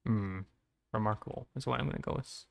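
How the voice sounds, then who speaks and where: A man streaming a game, chatting casually in a flat, self-described monotone and reading dialogue aloud with stumbles. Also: lowish voice, fairly quick, vocal fry.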